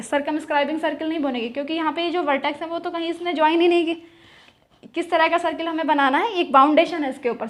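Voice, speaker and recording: High-pitched woman teaching math. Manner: asks questions and answers them herself, repeats key terms. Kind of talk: explaining at a whiteboard.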